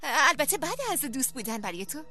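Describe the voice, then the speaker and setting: A woman's voice: high voice, lively intonation, bright, forceful tone, heavily acted. An actress playing a cheerful young troll queen in a cartoon film dub, with a bubbly, upbeat manner. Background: music.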